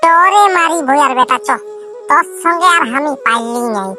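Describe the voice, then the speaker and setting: A man uses an extremely high, sharp voice at a moderate pace to fully play an exasperated, blunt village mother in a comedy cartoon, speaking with a Purulia Bengali accent. She scolds, grumbles, and is quick to threaten. Faint music plays behind him.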